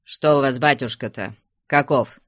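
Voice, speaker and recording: A man's voice: medium pitch, a little slow, fairly bright tone, no room sound, clean studio sound, natural voice. A man voicing a young merchant who coaxes a surly watchman with drink. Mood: coaxing. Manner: hailing and coaxing, offering drink.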